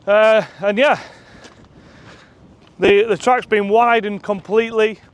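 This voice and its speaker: With a high, clear and resonant voice, a man speaks slowly and fairly evenly. A companion films him on camera as he leads a casual tour of his shooting ground, outside and then in the clubhouse, chatty, enthusiastic, full of ums and a bit out of breath going uphill.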